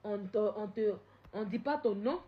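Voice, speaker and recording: A woman on a live stream, confrontational and repetitive, swinging from loud outbursts to low scolding. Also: measured pace, phone-quality sound. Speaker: social media live streamer. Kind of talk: heated live-stream rant.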